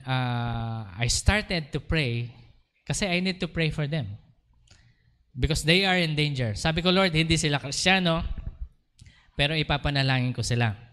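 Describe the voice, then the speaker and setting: Pastor with a smooth, slightly high voice. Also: male voice, bright, forceful tone. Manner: storytelling, switching between Tagalog and English. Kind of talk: sermon. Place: church.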